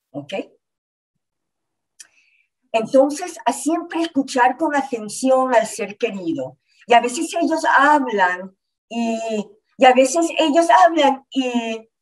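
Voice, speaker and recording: A woman health educator giving a lecture in short, patient phrases, often pausing to check in with her listeners. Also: on the high side, darkish tone, poor audio. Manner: patient, repeats points, checks in with "¿ok?" and "¿verdad?". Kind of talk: slide-based community lecture.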